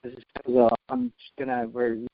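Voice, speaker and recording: A man's voice: mid-range voice, big pitch swings, fairly quick, no room sound. A man moderating a live call-in, his phone call breaking up and dropping out as he talks politely and hesitantly. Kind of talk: hosting a live call-in webcast. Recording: dull lo-fi phone line, dry.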